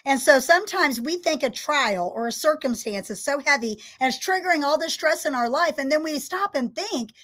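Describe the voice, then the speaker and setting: A woman's voice: high-pitched, lively intonation, moderate pace, few pauses, fairly bright tone. A woman hosting a faith-based chat, giving affirming, preacherly encouragement. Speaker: host.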